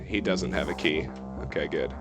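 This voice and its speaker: A man's voice: very deep voice, normal speed, over loud music. A man giving offhand, conversational commentary as he plays through a video game. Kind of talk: casual playthrough commentary.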